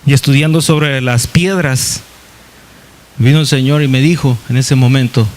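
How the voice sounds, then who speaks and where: A male pastor preaching a Bible study in a folksy way, often calling listeners "brother", with many fillers and restarts and a voice that swings up high. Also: moderate pace. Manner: lively pitch swings, rising high in places.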